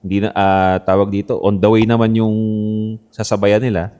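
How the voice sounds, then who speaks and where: A man's voice: fairly low pitch, little pitch movement, moderate pace, a little mellow. A man co-hosting a podcast, talking in a laid-back way and explaining at length. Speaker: podcast co-host. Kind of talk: casual chat.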